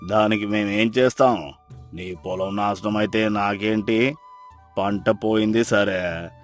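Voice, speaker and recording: An actor playing a harsh, greedy village landlord who speaks slowly and with menace in a storybook drama. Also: male voice, on the low side, natural voice. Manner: slow, menacing, domineering. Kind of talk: storybook voice acting.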